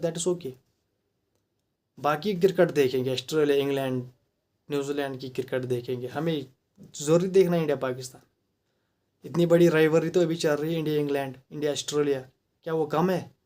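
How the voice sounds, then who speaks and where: Kashmiri guy ranting, fired up, asks lots of rhetorical questions, voice on the higher side. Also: a little mellow. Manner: heated, rhetorical, mixing in English phrases. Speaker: commentator. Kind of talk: opinion monologue.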